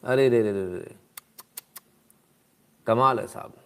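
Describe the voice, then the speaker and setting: A man's voice: fairly low pitch, slow, creaky, fairly bright tone, clear, resonant tone. A man hosting a live stream in casual commentary, exclaiming, asking rhetorical questions and reading out viewer comments.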